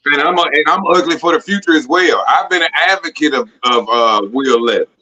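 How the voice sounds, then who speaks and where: A man's voice: a little high, lively intonation, a little fast, bright, forceful tone, poor audio. A man co-hosting a sports podcast, talking in a frustrated, emphatic way. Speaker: podcast co-host. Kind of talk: heated sports talk.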